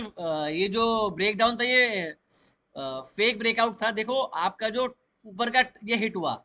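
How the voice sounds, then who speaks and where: Bright-voiced man teaching chart trading. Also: high-pitched. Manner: explains step by step, mixing English trading terms into Hindi. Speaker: stock market trading educator. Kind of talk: chart walkthrough lesson.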